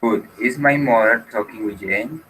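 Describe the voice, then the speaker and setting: A man's voice: mid-range voice, unhurried, sharp tone, breathy edge, low-quality recording. A man teaching an English class who explains patiently and switches between Spanish and English.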